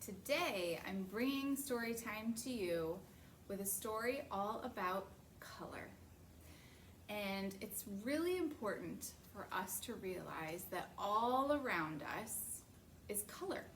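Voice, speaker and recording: An American woman leads a children's story time, speaking in simple terms and asking the young listeners questions. Her voice is medium in pitch, lively, and a touch slow. There's noticeable noise in the background of the recording.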